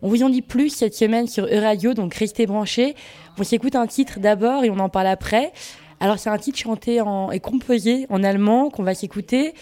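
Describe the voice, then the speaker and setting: A woman's voice: medium pitch, normal speed, mellow. A woman hosting a live radio show, announcing the programme in a friendly, scripted way into a studio microphone. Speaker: radio host.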